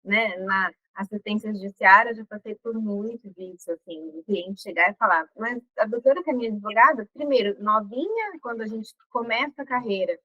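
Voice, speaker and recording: A woman's voice: medium pitch, bright, forceful tone, no room sound. A woman lawyer hosting a panel, talking in an earnest, conversational way. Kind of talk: panel discussion. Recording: dull, dry lo-fi recording.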